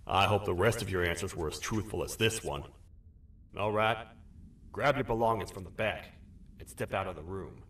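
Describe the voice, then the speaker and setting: A man voicing a gruff, dutiful toad sheriff in a video game, with a stern, wry, folksy lawman manner. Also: low voice, normal speed, fairly bright tone, far from the mic. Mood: stern, interrogating. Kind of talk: video game character acting.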